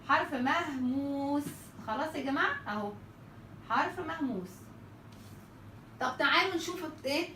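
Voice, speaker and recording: A woman with an Egyptian Arabic accent explains how letters are articulated in tajweed for Quran recitation, posing questions and answering them herself and repeating sample sounds. Her voice is high-pitched and a bit bright, recorded from a distance in a reverberant space with slight background noise.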